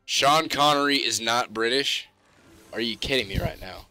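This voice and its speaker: A young man doing joking live esports play-by-play that bursts into shouted hype calls. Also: mid-range voice, normal speed, no echo, faint music behind. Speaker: esports caster.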